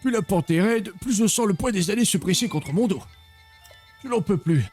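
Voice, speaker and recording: Un homme qui joue un vieux voyageur de jeu vidéo, usé par les ans, plaintif et à bout de forces. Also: male voice, high-pitched, animated, normal speed, darkish tone, faint music behind, voice pushed up. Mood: exhausted, plaintive. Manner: plaintive, worn-out complaining. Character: weary old traveller complaining of exhaustion and age. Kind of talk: video game dialogue read aloud.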